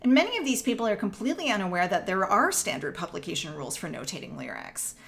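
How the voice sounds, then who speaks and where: A woman from Northern Ontario with a Canadian English accent, giving a recorded music lecture in a clear, explanatory way. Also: mid-range voice, sing-song, fast talker, fairly bright tone. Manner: clear, explanatory, careful spelling-out of syllables.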